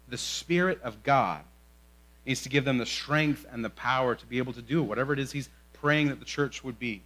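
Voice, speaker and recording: A young adult man preaching a sermon in a conversational way, often asking "right?", moving between quick asides and slow, drawn-out emphasis. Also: mid-range voice, a bit bright. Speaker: pastor.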